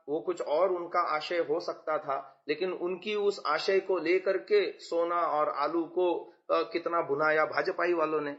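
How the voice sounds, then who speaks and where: Slow-spoken man teaching scripture. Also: a little high, lo-fi sound. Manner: patient, explains with everyday examples. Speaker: religious teacher explaining a scripture. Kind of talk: explanatory audiobook commentary.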